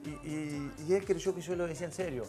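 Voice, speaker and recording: A man from Argentina whose accent mixes Argentine and Spanish sounds, speaking as a guest on a talk show. He talks in a relaxed, frank way and pokes fun at himself. His voice sits a little high, with music playing behind. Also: brisk. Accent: mixed Argentine and Spanish. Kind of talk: casual chat.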